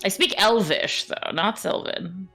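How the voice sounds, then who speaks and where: A woman's voice: mid-range voice, a little slow, a bit bright, husky, faint music behind. A woman playing a tabletop game with casual, playful banter.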